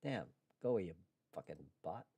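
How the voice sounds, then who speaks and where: A man hosting a live stream, chatting casually and excitably as he plays a game, now and then swearing. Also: sits low, brisk, soft background music. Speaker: streamer and host.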